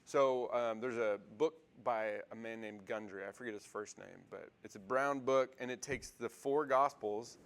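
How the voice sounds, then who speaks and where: A man's voice: mid-range voice, normal speed, few pauses. Guy teaching a bible class, loose and chatty, lots of ums, asks the room stuff. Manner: conversational, many fillers and restarts, asks the class questions. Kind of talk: casual classroom lecture.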